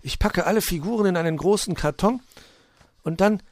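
A man voicing a calm, kindly male helper character who speaks gently and politely. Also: high voice, fairly quick, dry recording, pitched above the performer's own voice, close to an everyday voice. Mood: gentle.

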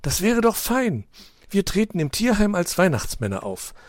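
A man doing an excited young dog. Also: high-pitched, moderate pace, no room sound, clean studio sound, voice pushed up. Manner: excited, persuasive. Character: eager young male dog schemer.

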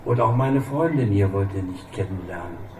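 A man voicing a calm, ruthless old gunman who threatens quietly. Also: mid-range voice, normal speed, close to an everyday voice. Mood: cold calm. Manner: quiet, soft-spoken menace. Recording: echoey room, distant mic, faint hiss.

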